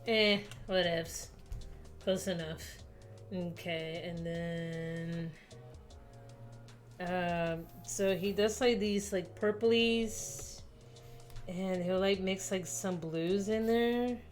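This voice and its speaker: Over soft background music, a young artist mutters her way through a digital drawing, making fun of what she's created. She speaks very slowly in a fairly low voice, pausing often, and the commentary stays casual and self-deprecating.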